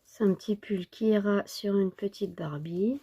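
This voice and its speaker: A woman who is a little sick, giving an informal knitting tutorial step by step in an unhurried way. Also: mid-range voice, warm tone, breathy edge. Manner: unhurried, counting and repeating steps. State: slightly sick, under the weather with a cough.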